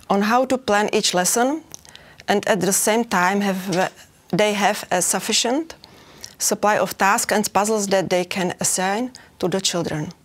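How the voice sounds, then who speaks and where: A woman from the Czech Republic giving a prepared conference presentation for a chess federation, reading steadily with occasional hesitations. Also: medium pitch.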